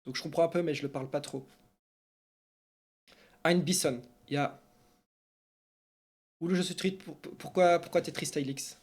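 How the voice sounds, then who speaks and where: A man's voice: a little high, fast, few pauses. A man, streaming esports news and answering viewers in casual, rambling chat full of fillers. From Belgium. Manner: chatty and animated, rambling with many fillers.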